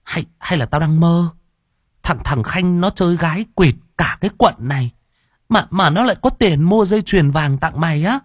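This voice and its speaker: A man's voice: on the low side, expressive, brisk, long pauses, breathy edge, no room sound, studio quality. A man voicing a brash young woman. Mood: excited. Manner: loud, blunt, crude talk.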